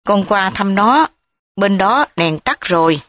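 A woman's voice: mid-range voice, expressive, takes it slowly, a bit bright, no echo, studio quality. A woman voicing an anxious old grandfather pleading with his grandson. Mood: worried.

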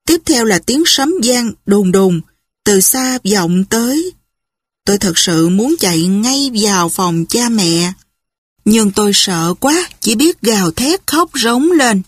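A woman narrating a first-person story, reading softly and without hurry. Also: medium pitch, husky, no echo, studio quality. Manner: slow, soft, unhurried reading.

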